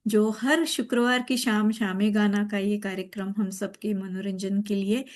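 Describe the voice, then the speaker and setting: A woman hosting a music program, chatting casually with frequent pauses. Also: medium pitch, little pitch movement. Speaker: show host.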